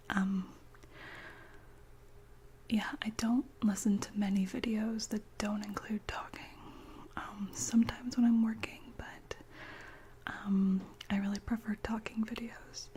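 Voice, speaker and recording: A woman whispering gently as an ASMR channel host, chatting slowly with many soft pauses. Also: medium pitch, a little hiss or hum.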